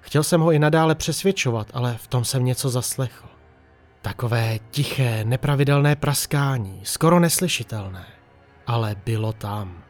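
In a hushed, tense voice, a man tells a horror story from his own perspective. His pitch is ordinary, and faint music runs beneath him.

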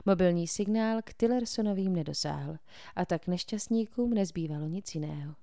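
A woman narrating a novel aloud, reading in a steady, clear way. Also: lowish voice, dry recording, clean studio sound. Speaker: audiobook narrator. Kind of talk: scripted narration.

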